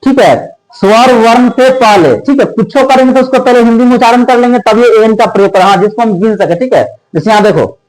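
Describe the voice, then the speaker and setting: Man teacher, high voice, drills exam grammar, keeps checking "theek hai" and firing quiz questions. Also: fairly quick, few pauses, darkish tone, rough recording. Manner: repeats "theek hai" often and quizzes the listener with rhetorical questions. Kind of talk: exam-prep grammar lesson.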